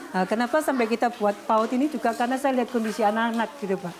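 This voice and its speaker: Brief: woman, earnest missionary, slightly high voice, heartfelt interview testimony with polite asides. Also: fast, background noise. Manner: earnest, often adds a polite "sir" to her sentences. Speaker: missionary caring for schoolchildren. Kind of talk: emotional personal testimony in an interview. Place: remote rural area.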